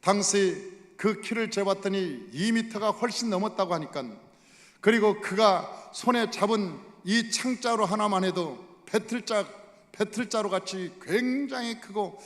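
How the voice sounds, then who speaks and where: A man's voice: high voice, measured pace, fairly bright tone. A male pastor giving a storytelling sermon in a church, often addressing the congregation directly. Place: church sanctuary. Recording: long reverb of a church hall.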